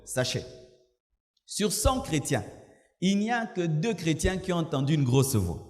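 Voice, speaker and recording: A male pastor preaching a sermon, moving between calm teaching and loud, laughing mimicry. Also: a little high, a little slow. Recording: long hall reverb.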